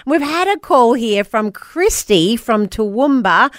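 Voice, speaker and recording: Aussie lady co-hosting radio, chatting to callers, slightly high voice, close dry mic. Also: sing-song, slow, no echo. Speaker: radio co-host. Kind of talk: casual radio chat with callers. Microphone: close studio radio mic.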